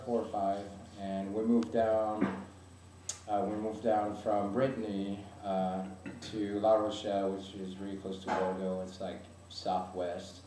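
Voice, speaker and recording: A young Frenchman, a native French speaker, answers interview questions in English, hesitating with lots of fillers and restarts. His voice is fairly low and mellow. He's recorded from a distance in an echoey room, with slight background noise.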